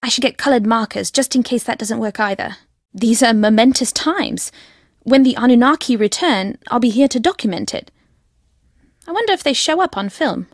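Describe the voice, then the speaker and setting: Cryptic and clipped at first, then fervent, a somewhat high female voice portrays a secretive ancient-alien believer in a video game. The studio-quality voice lines have no room sound at all.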